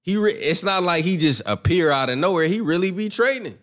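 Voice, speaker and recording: A man's voice: sits high, animated, a little fast, fairly bright tone. A brash young man hosting a boxing commentary channel, giving his opinions in a rambling, profane, self-assured way. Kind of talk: casual opinion monologue.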